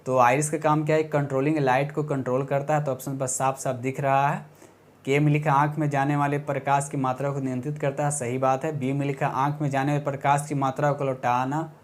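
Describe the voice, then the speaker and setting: A man's voice: medium pitch, flat delivery, fairly quick. A man teaching a casual exam-prep science lesson, talking informally, repeating himself, correcting himself and checking in often with rhetorical questions.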